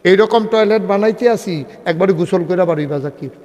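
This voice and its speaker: At a religious gathering, a man delivers a humorous Islamic sermon, telling stories with dialogue in a conversational style and drawing call-and-response from the crowd. His voice is high and darkish, a little fast, and the sound is of a big room.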